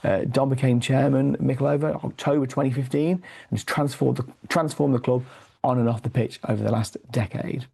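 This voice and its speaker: A man with a mid-range, hoarse, gravelly voice, his voice nearly gone from a cold, reads his weekly football league review from notes. He speaks briskly in a steady, warm tone, with many fillers and restarts.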